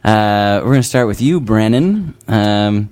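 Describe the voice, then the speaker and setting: A man hosting a casual comedy podcast in a halting, chuckling delivery. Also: lowish voice, expressive, a little mellow, clean tone. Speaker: podcast host.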